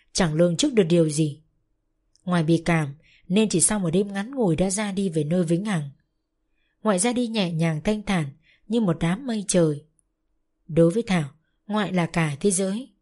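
A woman narrating a story in a measured, often slow and solemn storytelling voice. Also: on the low side, darkish tone.

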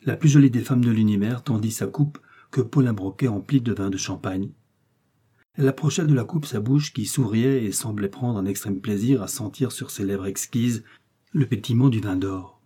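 A man narrating a classic novel as an audiobook in a measured, literary way. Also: lowish voice, warm tone, husky. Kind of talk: scripted narration.

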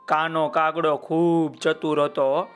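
A man telling a children's folk tale, lively and speaking straight to his listener. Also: a little high, takes it slowly, clean tone. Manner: lively, addresses the listener directly. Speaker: storyteller.

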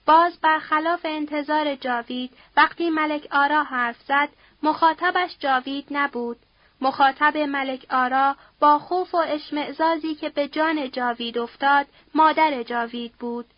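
Female audiobook narrator, steady dramatic reading; dry, muffled lo-fi recording. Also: high-pitched, no echo. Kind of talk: literary narration.

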